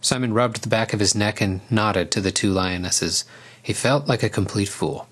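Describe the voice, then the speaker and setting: Calm male storybook narrator, low-set voice. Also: normal speed, breathy edge.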